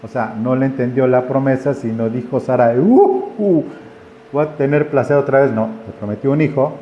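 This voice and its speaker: A man's voice: medium pitch, fairly even intonation, brisk, highs cut off, a little hiss or hum. A man preaching a conversational sermon, acting out the voices in his stories. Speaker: pastor. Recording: echoey room with faint ambience.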